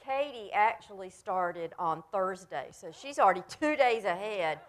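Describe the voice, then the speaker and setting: A woman leading a children's sermon, talking gently and plainly to the kids in front of her and coaxing them along. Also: mid-range voice, expressive, measured pace. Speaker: pastor leading a children's message.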